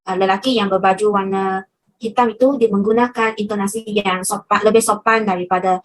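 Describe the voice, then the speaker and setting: A woman's voice: medium pitch, steady tone, brisk. A woman answering as a student, hesitant with filler sounds. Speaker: student in a role-played class. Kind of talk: answering teacher in class.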